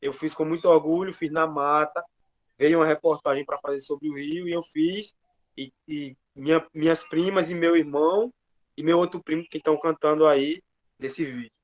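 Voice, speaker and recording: A man's voice: on the high side, fairly even intonation, moderate pace. A man from Alagoas, speaking as a seminar guest over a video call, telling earnestly and with hesitant restarts. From Alagoas, Brazil. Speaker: seminar guest, traditional singer. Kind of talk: online seminar talk.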